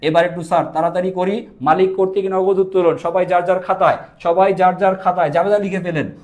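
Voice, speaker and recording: A young male accounting teacher runs a live online class with a high, light voice. He fires questions at his students and answers them himself in a quick, drilling rhythm. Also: steady tone, darkish tone.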